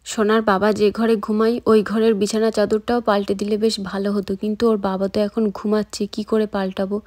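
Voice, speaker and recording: A woman's voice: medium pitch, flat delivery, fairly quick, a little mellow. A woman from India, narrating a casual home vlog as a mother and chatting to viewers as she points things out. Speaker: vlogger and mother. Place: family home.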